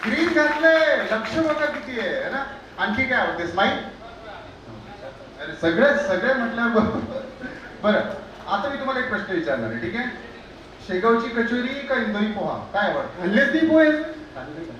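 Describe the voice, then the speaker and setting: High-voiced man hosting a lively event. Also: normal speed, pauses often. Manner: energetic, urges the crowd to clap and cheer. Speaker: event anchor at a pre-wedding sangeet. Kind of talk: lively crowd hosting, teasing the couple. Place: celebration venue with a crowd. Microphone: handheld microphone through the house speakers. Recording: echoey venue sound, distant mic, crowd noise.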